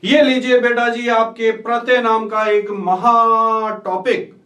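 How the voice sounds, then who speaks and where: A man's voice: extremely high pitch, flat delivery, takes it slowly, sharp tone, roomy sound, far from the mic. A man teaching an online grammar lesson. He asks his students questions and answers them himself, repeating each answer. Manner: repeats key answers, quizzes students as "बेटा".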